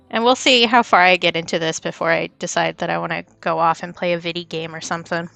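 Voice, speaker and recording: A woman's voice: on the low side, vocal fry, sharp tone. A young woman chatting casually on a livestream while she draws, rambling and stumbling over her words with self-deprecating asides. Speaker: streamer.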